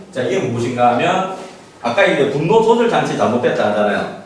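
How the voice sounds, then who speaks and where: Animated man lecturing in an echoey hall. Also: sits high. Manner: animated, acts out parent and child lines, laughs often. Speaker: parenting instructor. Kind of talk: lecture to parents. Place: lecture room. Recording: echoey hall, far from the mic, faint noise.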